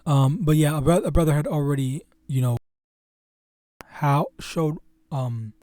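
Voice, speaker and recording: A man hosting his own religious channel, teaching scripture informally in a halting, stuttering way full of fillers and restarts. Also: fairly high pitch, mellow, no echo.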